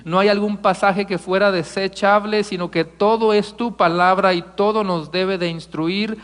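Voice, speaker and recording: A man's voice: high-pitched, fairly even intonation, moderate pace, fairly bright tone, clean tone, big-room sound. A man from Mexico preaching a conversational sermon as pastor, addressing the congregation as brothers. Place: church sanctuary.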